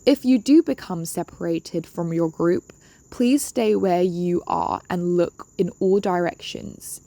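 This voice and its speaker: Woman, instructional narration, slightly low pitch, gravelly fry, polite firm step-by-step delivery, dry recording. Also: slow, warm tone, no echo. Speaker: dive briefing presenter.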